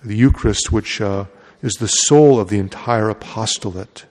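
Male priest, low voice, cathedral echo, long reverb, church preaching and scripture reading. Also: normal speed, a little mellow. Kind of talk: Gospel reading and homily. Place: large echoing church.

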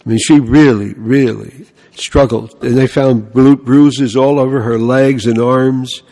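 An older man from the Bronx with a New York accent, a priest giving an animated sermon and telling stories, often asking "huh?" and "you know". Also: mid-range voice, unhurried, big-room sound.

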